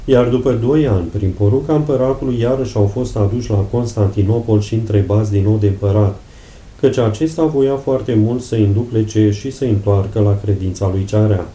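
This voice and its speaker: A man reading a saint's life aloud in a slow, measured, solemn devotional style. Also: on the low side, mellow, reverberant. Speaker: reader of saints' lives.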